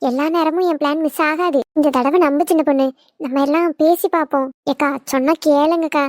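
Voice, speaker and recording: A high-voiced, fretful older village woman, played by a woman, gossips. She talks in a chatty, anxious cartoon manner. The recording is dry and close. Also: steady tone, brisk, darkish tone, no room sound, close to an everyday voice. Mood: scolding.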